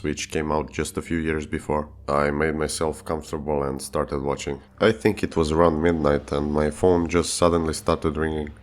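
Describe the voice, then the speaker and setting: Male horror narrator with an extremely low bass voice, reading a scripted first-person creepy tale. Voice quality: very deep, low voice.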